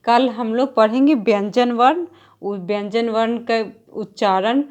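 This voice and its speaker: A woman teaches an exam-prep grammar lesson in a slow, measured way, pausing to write on a board. Her voice sits a bit high. She drags out the example vowel sounds to make them clear. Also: darkish tone, lo-fi sound. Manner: slow, deliberate explaining, drawing out example sounds.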